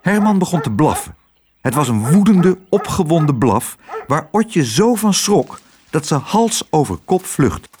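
A man reading a children's storybook aloud with expressive, lively narration. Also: on the high side, measured pace, noisy background.

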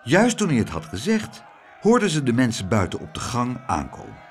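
A man reading a children's storybook aloud in an expressive, animated storytelling way. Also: medium pitch, moderate pace, some chatter behind, slight background noise. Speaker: narrator.

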